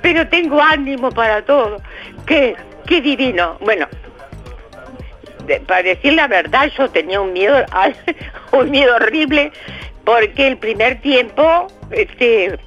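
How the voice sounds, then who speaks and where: Older uruguayan lady calling the radio, giggly and talkative, muffled line with music low behind. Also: unhurried. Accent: Uruguayan Spanish. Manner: excited, chatty, laughing, many fillers. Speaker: radio caller. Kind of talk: casual phone chat.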